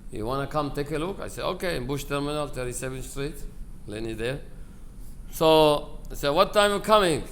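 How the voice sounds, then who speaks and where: With lively intonation, normal speed, and a fairly bright tone, a higher-voiced man from Aleppo, Syria delivers a eulogy as a rabbi. The memorial speech is informal, built on personal anecdotes told conversationally, with acted-out quoted dialogue and broken English grammar. Clear background noise is present in this live speech.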